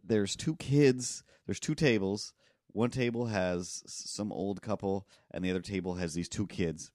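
A man, co-hosting a podcast, telling a long rambling story in casual chat and acting out people yelling in loud bursts. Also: on the low side, measured pace, dry recording, studio quality. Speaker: podcast co-host.

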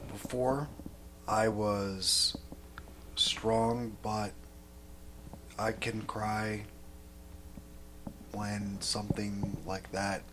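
Man, low flat voice, very slow short phrases, faint room noise. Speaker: group member.

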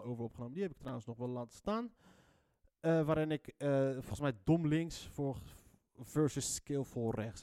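A man's voice: a little high, darkish tone. A man giving an opinionated podcast monologue. He talks in a heated, emphatic way and keeps restarting his sentences. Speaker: podcast host.

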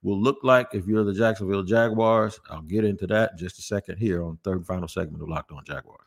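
A man's voice: sits low, fast, gravelly. A man hosting a sports podcast, talking through roster moves in a casual, conversational way and often repeating words for emphasis. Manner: conversational, thinks aloud with restarts and emphatic repeats. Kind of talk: casual sports talk with host-read ads.

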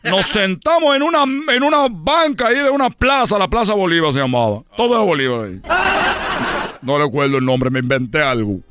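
A man's voice: high-pitched, lively intonation, a little fast, noisy background. A man voicing a rambling comic character who tells a long story, repeating himself and laughing at his own jokes. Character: rambling man, son of a dictator. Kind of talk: comedy sketch storytelling.

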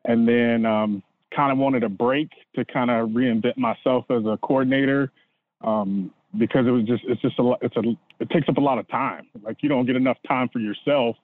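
A man's voice: mid-range voice, steady tone, normal speed, dry recording. Middle-aged man on a tinny line. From Indiana. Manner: hesitant, many fillers, earnest. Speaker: guest football coach. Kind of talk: casual interview. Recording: dry, phone-like remote line.

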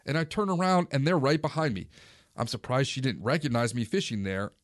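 A man in his forties, a fishing vlogger, casually recounting a day on the river in a relaxed, conversational way. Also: mid-range voice, brisk, no echo, clean studio sound. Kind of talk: casual first-person storytelling.

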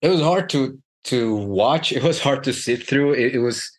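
Man, podcast co-host, casual chat, halting, frequent restarts, mid pitch. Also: expressive. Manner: halting, many restarts and fillers.

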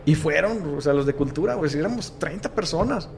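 A man's voice: a little high, a little fast, creaky, slight background noise. A man with a Mexican accent telling a paranormal story in casual chat, acting out the voices of the people he quotes. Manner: animated, acts out quoted voices in slang-heavy chat. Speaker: guest storyteller, paranormal content creator.

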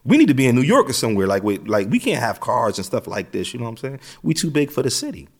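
A man's voice: medium pitch, big pitch swings, quick pace. A middle-aged American man, an interview guest, telling his story in a casual streetwise way, with phrases repeated. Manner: streetwise, repeats phrases, frequent "you know what I'm saying".

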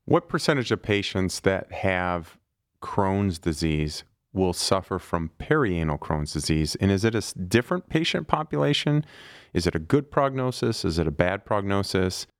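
A man's voice: deep voice, big pitch swings, normal speed, dry recording, clean studio sound. A man hosting a medical podcast, asking questions in a friendly, conversational way. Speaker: podcast host and surgeon. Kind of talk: podcast interview.

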